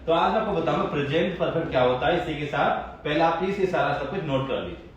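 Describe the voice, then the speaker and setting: A man's voice: a little high, animated, fast talker, a little hiss or hum. A man teaching an English grammar lesson with an Indian English accent, often repeating phrases and quizzing his students. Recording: distant, echoey, dull room audio.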